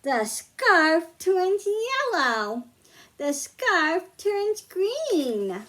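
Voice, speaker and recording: In a very high-pitched voice with big pitch swings, drawn-out words, and a fairly bright tone, a woman hosts a science storytime for small children. The session mixes read-aloud with a hands-on lesson, simple explanations, and questions for the listeners.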